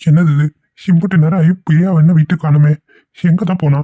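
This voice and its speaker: A man's voice: fairly high pitch, steady tone, fast talker, warm tone, no echo, dull audio, natural voice. A man voicing a worried, impatient middle-aged father who scolds his wife, in a cartoon. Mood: worried, scolding. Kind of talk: cartoon voice acting.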